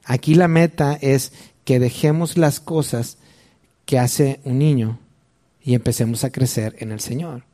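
A man's voice: medium pitch, unhurried, dark tone. A man in his forties with a Mexican accent, preaching a sermon in a conversational way and speaking straight to his listeners. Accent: Mexican Spanish. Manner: conversational, addresses listener directly. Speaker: pastor.

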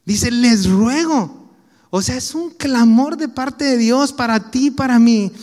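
A man's voice: very high-pitched, measured pace, a little mellow, long reverb tail. A man with a Mexican Spanish accent preaching a sermon in a conversational, anecdotal way, full of casual slang.

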